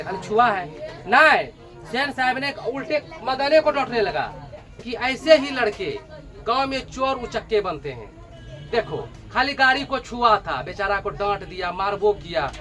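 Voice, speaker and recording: High-voiced man teaching by storytelling. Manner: acts out characters, repeats key lines, quizzes students. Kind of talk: animated storytelling lesson. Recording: crowd noise behind.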